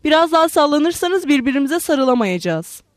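A woman reading a story aloud voices a badly wounded young man who stays calm and resigned. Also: high-pitched, a little fast, no room sound, clean studio sound, pitched above the performer's own voice. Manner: calm, steady.

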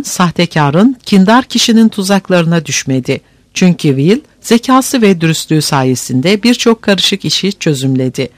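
A man narrating an audiobook in an expressive, measured storytelling manner on a close studio mic. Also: high voice, dry recording.

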